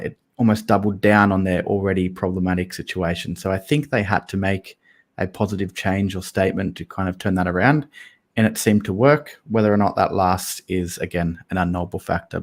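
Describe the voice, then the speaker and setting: Deep-voiced man musing on markets. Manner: thoughtful, hedging with "I guess" and "kind of". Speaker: podcast co-host. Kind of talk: casual investing podcast talk.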